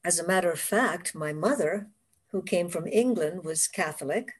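A woman's voice: fairly low pitch, moderate pace, husky. A woman from the Caribbean with a West Indian accent, the guest author on a video call, telling stories from her childhood with frequent laughs. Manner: warm storytelling, laughs often. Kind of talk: casual interview conversation.

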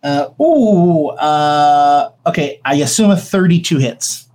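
Male game master, higher-pitched, improvised narration with a hesitant, thinking-aloud delivery. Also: animated, slow pace, a little mellow.

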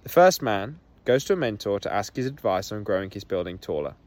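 Out on a walk, a man hosts a candid solo podcast, speaking openly and emotionally and leaning on "like" as a filler again and again. His voice is on the low side and darkish, expressive, and fairly quick.

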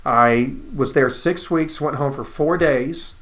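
رجل يروي قصته بلهجة تكساسية. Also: male voice, medium pitch, takes it slowly, fairly bright tone. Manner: earnest storytelling, acts out dialogue. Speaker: cancer survivor telling his story. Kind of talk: personal testimony.

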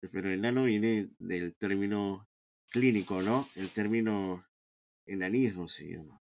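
Speaking Spanish with a Peruvian accent, a low-pitched man from Peru takes part in a relaxed interview as the founder of a sports team. He is unhurried, calm, and thoughtful, restarting often and repeating words as he thinks.

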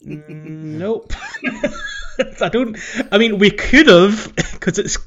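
As a podcast co-host, this man talks through a video game playthrough in relaxed chat, frequently breaking into chuckles. His high voice is expressive but very slow, and the recording has its highs cut off.

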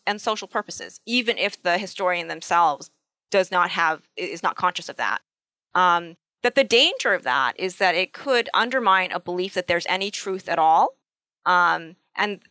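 A woman's voice: lowish voice, pushed and bright, no echo. A woman historian answering interview questions, hesitant with many ums and repeated starts. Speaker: guest historian.

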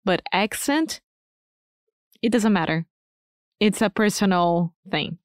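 A native Portuguese speaker from Rio de Janeiro, this woman co-hosts a casual educational podcast with a Brazilian Portuguese accent. She talks slowly in an emphatic, upbeat way with a mid-range voice. The studio-quality recording has no room sound.

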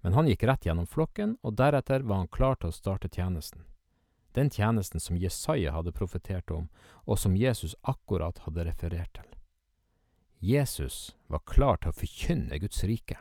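A man's voice: low voice, expressive, vocal fry, warm tone, dry recording, clean studio sound. A man preaching a sermon, reading scripture and speaking in an earnest, emphatic way.

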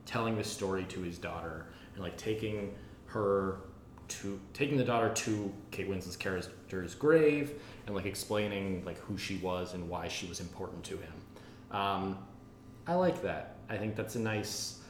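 A man co-hosting a casual film discussion podcast, rambling with frequent laughs and halting restarts. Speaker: podcast co-host. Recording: echoey room, faint rumble.

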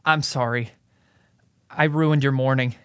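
A man's voice: mid-range voice, fairly even intonation, measured pace, a bit bright, clear, resonant tone, natural voice. A young man in a student radio drama playing a shy, anxious teenage boy who stammers and pleads. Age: young adult. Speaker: nephew.

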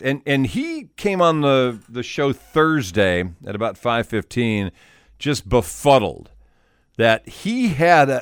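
A man hosts sports talk radio in a smooth, clear voice. The sound is dry and close, his pitch in the middle range as he chats. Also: a bit bright, no room sound. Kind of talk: live sports radio chat.

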